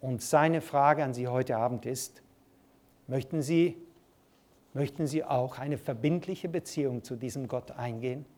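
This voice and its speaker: A male preacher giving a sermon, earnest, often dropping to soft, quiet appeals. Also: mid-range voice, unhurried.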